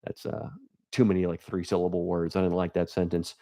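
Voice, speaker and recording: A young man hosting a livestream, chatting casually to viewers and reading their comments, with crude deadpan jokes and rambling asides. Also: low-pitched, brisk. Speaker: livestream host.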